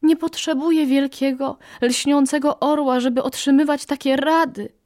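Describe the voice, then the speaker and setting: A woman voicing a brave little parrot, hoarse and coughing from smoke, in a storybook reading. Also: high voice, fairly even intonation, normal speed, a little mellow, pitched above the performer's own voice, lightly acted. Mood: defiant. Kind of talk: storybook narration.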